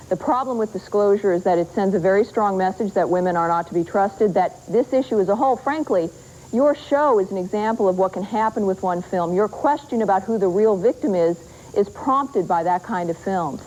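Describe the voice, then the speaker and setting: A woman argues her point firmly in a talk show panel debate, pressing on through interruptions. Her mellow, warm voice comes through a dull, lo-fi worn VHS tape copy. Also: medium pitch, brisk. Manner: assertive, argumentative. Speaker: advocacy group leader on a talk show panel.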